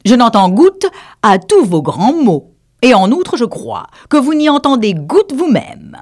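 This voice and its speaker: A woman's voice: fairly low pitch, very animated, moderate pace, voice pushed up. A woman voicing a cheeky, impatient eaglet in an audiobook reading. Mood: mocking. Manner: blunt, mocking.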